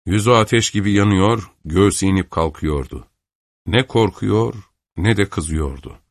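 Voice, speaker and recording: Low-voiced male audiobook narrator. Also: a little slow, no echo, studio quality. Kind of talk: scripted narration.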